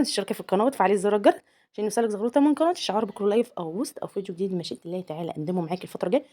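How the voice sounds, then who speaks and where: A woman's voice: mid-range voice, a little mellow. A young woman with an Egyptian accent, chatting with viewers in a home vlog while she cleans her apartment, laughing often. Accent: Egyptian Arabic. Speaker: home vlogger, mother.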